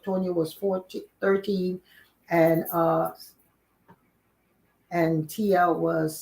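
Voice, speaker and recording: An older woman from Panama interviewing her mother, warmly encouraging her and filling in and rephrasing her answers. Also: lowish voice, rough recording. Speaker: interviewer, daughter. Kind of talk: casual family interview.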